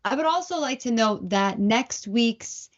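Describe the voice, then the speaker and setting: Woman, fairly high voice, giggly, chatty, muffled lo-fi call audio. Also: lively intonation, a little slow. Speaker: podcast co-host. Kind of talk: casual chat. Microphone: video call.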